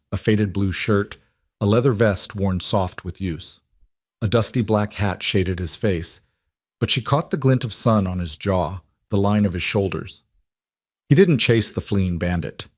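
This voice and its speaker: A man reading a western story aloud as narrator, in a measured, even storytelling manner. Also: lowish voice, no echo, clean studio sound. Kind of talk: scripted narration.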